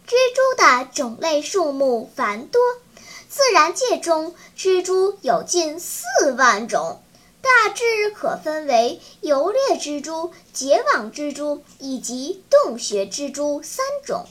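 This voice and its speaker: A woman narrating a children's story in a slow, sing-song, teacherly way. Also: high voice, very animated, a bit bright.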